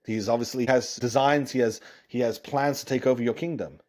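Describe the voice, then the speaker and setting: A man, a rabbi, retelling a Torah story in an animated way, often restarting and correcting himself mid-sentence. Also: mid-range voice, brisk.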